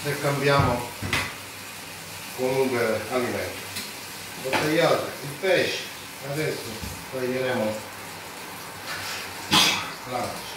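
A man in his forties giving a casual cooking demonstration, talking haltingly and often repeating and correcting himself. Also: medium pitch, far from the mic. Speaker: home cook presenting a recipe. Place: home kitchen, indoors. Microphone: phone held by someone a few steps away. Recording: roomy kitchen, off-mic, frying and sizzling noise.

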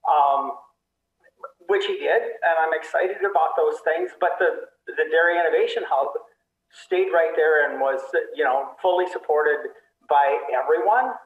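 A man's voice: on the high side, measured pace. Older man, tinny echoey call audio. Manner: relaxed, chuckles between points. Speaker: state representative on a panel. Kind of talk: panel discussion answer. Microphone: video call.

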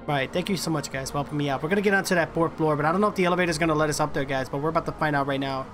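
Talking very fast in a slightly high voice, a man in his thirties banters with his viewers during a game live stream. His manner is slangy and chummy, gamer-bro style. Music plays in the background of his indoor streaming room.

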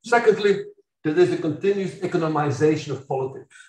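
An older man from Belgium giving an academic lecture, animated and ironic, with mocking asides and sudden loud outbursts. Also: a little high, brisk. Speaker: university lecturer. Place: lecture hall. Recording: echoey hall from far off.

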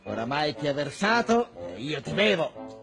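An actor playing a blustering, hungry wolf in a children's TV fantasy, spitting and spluttering over a drink. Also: male voice, fairly high pitch, big pitch swings, moderate pace, vocal fry, a bit bright, soft background music, exaggerated voice. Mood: disgusted, spluttering. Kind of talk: theatrical children's television acting.

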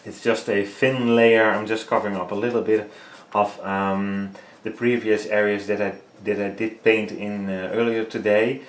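Hesitant and filler-heavy, a man with a Dutch accent speaks English in a low, level voice while hosting a casual painting vlog. Dutch and Frisian are his first languages, and he keeps searching for English words. The small indoor home art studio sounds echoey.

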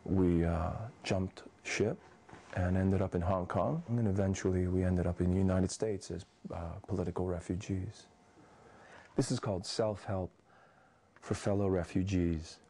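Man in his 50s, from Indonesia, poet, low voice, very slow and measured reading. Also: fairly even intonation, dark tone. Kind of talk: poetry reading and personal account.

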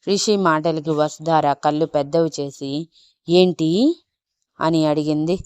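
Woman, storyteller, low voice, smooth, dry close recording. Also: normal speed, no echo. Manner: calm, steady storytelling. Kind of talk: scripted narration of a love story.

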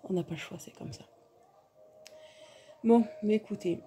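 A warm, mid-range woman's voice at normal speed comes from a weary mom venting in a casual vlog, full of restarts and trailing phrases. Slight background noise and a roomy echo are audible, and she's a bit far from the mic.

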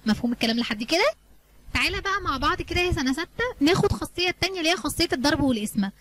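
A woman's voice: high voice, lively intonation, rapid-fire, a bit bright. A woman teacher with an Egyptian Arabic accent explaining a math lesson to her students, asking them questions and answering them herself in a coaxing, colloquial way.

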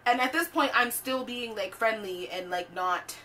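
Young woman vlogger telling a story in an animated, profane, chatty way, with a bright tone, recorded off-mic over faint noise. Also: on the high side, moderate pace, distant mic. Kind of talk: storytime vlog.

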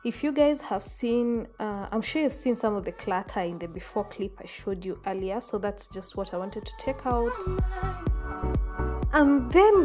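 A young woman with a Kenyan accent, chatting to viewers about her bedroom makeover and calling them guys. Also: fairly high pitch. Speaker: home makeover vlogger. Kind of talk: casual voice-over narration.

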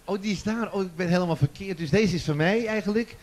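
A man's voice: high-pitched, fast. A man presenting a children's song contest on stage in a large festival tent, joking and teasing the audience into a handheld microphone. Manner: jokey, chatty, teasing the audience. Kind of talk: live stage hosting.

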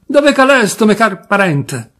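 A man's voice: high voice, big pitch swings, unhurried, pitched above the performer's own voice, heavily acted. A man voicing a tipsy, insistent old man from Turin with a strong Piedmontese accent and a slurred, blustering delivery. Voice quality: slurred, shouting dialect.

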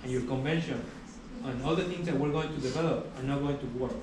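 A man's voice: medium pitch, fast. Guy teaching a class, lots of uhs, big roomy lecture hall sound, kinda far off. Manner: steady explaining with frequent uh fillers. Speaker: university lecturer. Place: large lecture hall, indoors. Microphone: far camera at the back of the room. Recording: echoey hall recorded from far off, background hiss.

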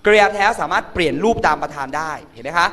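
A man's voice: a little high, animated, rapid-fire, bright, forceful tone. A man teaching an English grammar class, flamboyant and teasing, chanting word lists for students to repeat. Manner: drills vocabulary in sing-song chants. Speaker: English tutor. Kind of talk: comedic classroom grammar lesson.

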